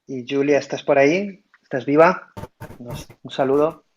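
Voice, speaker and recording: A man from Spain hosts an online audio room, speaking in a middling voice and explaining in a casual way. He stumbles, restarts and fills pauses as he goes. The sound is muffled, like a voice chat app. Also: medium pitch, darkish tone. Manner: hesitant, many fillers and restarts.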